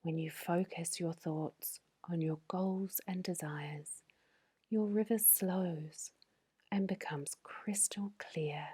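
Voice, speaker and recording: Woman, breathy whisper, sleep meditation guide, very slow, low and mellow delivery. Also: fairly even intonation. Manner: slow, soothing, gentle.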